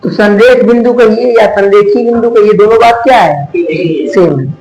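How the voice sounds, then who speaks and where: Male math teacher, very high voice, quizzing the class and answering himself, echoey classroom. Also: a crowd in the background. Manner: asks questions then answers them, drawn-out key words. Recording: echoey room.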